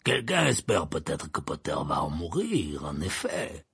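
A man voicing a gruff, menacing old male wizard in an audiobook, speaking in a slow, calm growl. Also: a bass voice, no echo, studio quality, voice pushed down, heavily acted. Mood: growling menace. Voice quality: growling, gravelly. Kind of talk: audiobook character voice.

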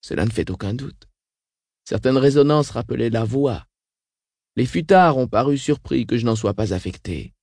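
A frail, weakened old sister, read by a man, recounting horrors in a flat, unshaken tone. The voice is dark and mellow, recorded dry and close in an audiobook reading. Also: medium pitch, normal speed, vocal fry, breathy edge, no echo. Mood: grim.

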